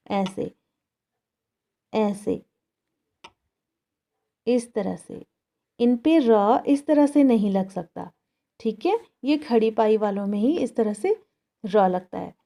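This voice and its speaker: Slow, patient woman teacher. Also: on the high side, lively intonation, gravelly, mellow. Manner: slow, patient, repeats words for pupils. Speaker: school teacher. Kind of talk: Hindi grammar lesson for children. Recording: dull, lo-fi classroom recording.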